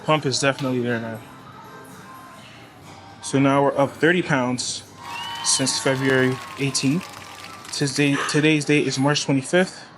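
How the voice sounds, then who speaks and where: Over background music, a young man from Toronto chats casually in a gym vlog, coaching between sets in his local accent. His medium-pitched voice stays fairly even, moving a little slowly with long pauses. This fitness vlogger is indoors at a gym, recorded on a camera mic clamped in place rather than on a tripod.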